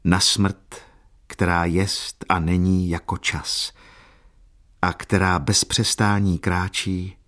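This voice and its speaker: A man reading a classic novel aloud as narrator, in a slow, solemn and measured way. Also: low-pitched, flat delivery, fairly bright tone.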